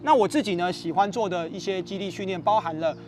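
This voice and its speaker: A man's voice: high-pitched, quick pace, a little mellow, slight background noise. A man with a Taiwanese Mandarin accent, hosting and coaching runners in an upbeat, explanatory way. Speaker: running coach and host. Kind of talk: instructional video podcast. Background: faint music.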